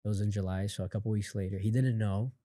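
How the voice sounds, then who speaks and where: A man with a low, mellow voice tells a family story in loose, conversational podcast talk. He acts out other people's lines as he goes and leans on fillers. The sound is close and dry, with no room ring. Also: steady tone, fast, dry recording. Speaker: podcast guest, company founder. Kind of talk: casual storytelling in an interview.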